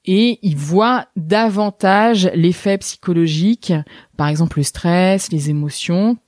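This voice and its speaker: A woman's voice: on the low side, takes it slowly, darkish tone, no room sound, studio quality. A woman speech therapist answering interview questions in a thoughtful, explanatory way.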